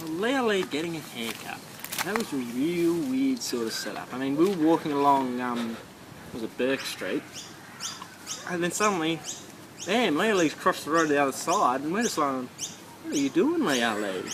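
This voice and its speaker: A man's voice: on the high side, expressive, normal speed. A man chatting easily about a day out, telling it like a casual story. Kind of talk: casual recap talk. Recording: clear background noise.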